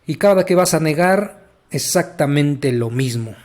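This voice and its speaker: A man's voice: on the high side, animated, a little slow, darkish tone. Patient Mexican man teaching grammar. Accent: Mexican Spanish. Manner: patient, repetitive, addresses the listener directly. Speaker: English teacher. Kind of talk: explaining grammar to students.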